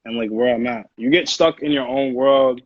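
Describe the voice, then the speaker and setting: With a crowd audible behind him, the Connecticut music producer, a man in his early twenties with an American accent, chats informally in slang as an interview guest. His mid-range voice stays steady at a moderate pace, and the audio is dull.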